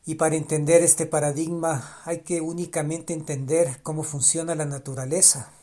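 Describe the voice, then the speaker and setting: On his podcast, a man reflects alone, restarting phrases and circling back to ideas for emphasis; his native language is Spanish. The voice sits on the high side with little pitch movement, a moderate pace, and a warm tone.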